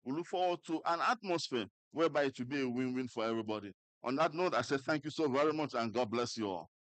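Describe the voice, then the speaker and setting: A man's voice: mid-range voice, animated, quick pace, no room sound. A man delivering a formal goodwill message for an employers' association, in a list-like way.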